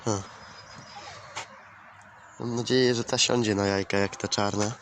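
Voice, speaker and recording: A man's voice: lowish voice, fairly even intonation, unhurried. A man vlogging casually in his farmyard, chatting to viewers and coaxing and scolding his chickens, swearing now and then. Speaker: poultry keeper vlogger. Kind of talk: casual outdoor vlog. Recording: outdoor camera audio, clear farmyard noise. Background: clucking hens and a crowing rooster.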